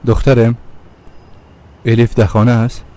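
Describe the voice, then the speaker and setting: A man dubbing a grave elderly grandfather who speaks slowly. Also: medium pitch, monotone, mellow, close to an everyday voice. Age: older. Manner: slow, measured speech. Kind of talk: dubbed TV drama. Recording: dubbed over music score.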